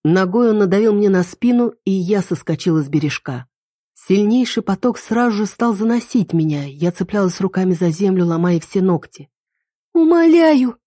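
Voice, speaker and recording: A woman narrating a first-person dark thriller novel with tense, dramatic delivery. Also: medium pitch, normal speed, no echo, clean studio sound. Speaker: audiobook narrator.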